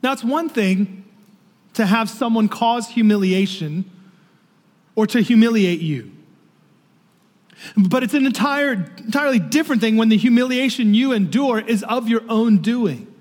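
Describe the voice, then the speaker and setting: A man preaching a sermon as pastor, slow and emphatic, falling to a hush on key phrases. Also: very high voice, lively intonation. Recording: reverberant hall.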